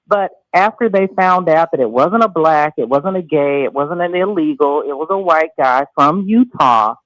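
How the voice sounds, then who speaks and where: A female caller speaking over the phone to a radio show, earnest and measured, with frequent ums. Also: low voice, dry recording. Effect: over the phone, muffled at first. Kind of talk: call-in radio talk.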